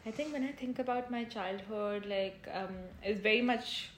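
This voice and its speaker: A woman's voice: on the high side, moderate pace, a crowd in the background. Chatty young woman in an echoey room. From Pakistan. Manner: chatty, many fillers, laughs easily. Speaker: interviewee. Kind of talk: casual interview chat. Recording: echoey room with faint ambient noise.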